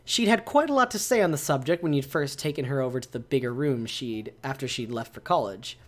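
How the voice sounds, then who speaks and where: A male streamer reads a visual novel aloud to his viewers. He breaks off to react to the choices with excited exclamations, his pitch swinging widely. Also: fairly quick. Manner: animated, exclaims and reacts while reading.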